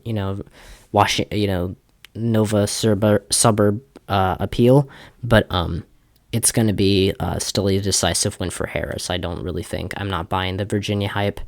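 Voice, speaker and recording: A man's voice: on the low side, no room sound, clean studio sound. A young man giving casual election prediction commentary, talking loosely with many fillers and restarts. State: slightly out of breath. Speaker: political commentator.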